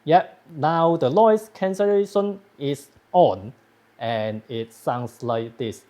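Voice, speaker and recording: A man's voice: a little high, takes it slowly, mellow. A man giving a casual gear review, heard through a wireless clip-on mic with its noise cancellation switched on, which leaves processing artifacts. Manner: chatty, restarts phrases, thinking aloud.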